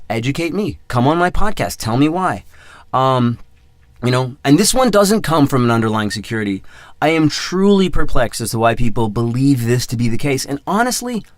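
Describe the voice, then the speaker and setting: A man's voice: medium pitch, no room sound. Solo podcaster, man in his thirties, loose self-deprecating rant, dry unroomy recording. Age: 30s. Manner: rambling, self-deprecating, repeats words. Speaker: podcast host. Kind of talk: casual podcast monologue.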